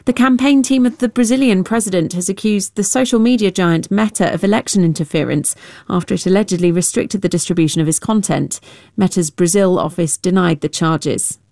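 A woman's voice: on the low side, fairly quick, gravelly, a little mellow, dry recording, studio quality. A woman reading a scripted news bulletin as a broadcast newsreader.

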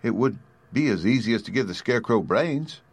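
A man's voice: medium pitch, animated, fairly quick, husky, no echo. A man voicing an earnest young girl traveler in a storybook, asking things plainly and eagerly.

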